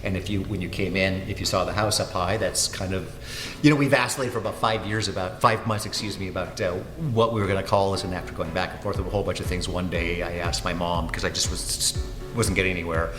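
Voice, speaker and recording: A Finnish-speaking winery owner and winemaker in his sixties gives casual, rambling interview answers loaded with fillers and self-corrections. His voice sits low, with fairly even intonation and a quick pace, in an echoey room with long reverb and music playing.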